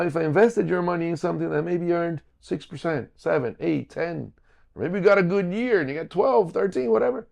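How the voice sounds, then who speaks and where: Guesting on a podcast, this financial business owner from Brazil, whose first language is Portuguese, walks through explanations step by step. He speaks at medium pitch, slightly mellow, with vocal fry.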